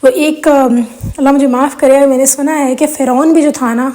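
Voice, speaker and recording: With a high-pitched, mellow voice and fairly even intonation, a religious video host whose first language is Urdu talks casually and earnestly to viewers about reciting prayers correctly. She explains with examples and mixes in English phrases.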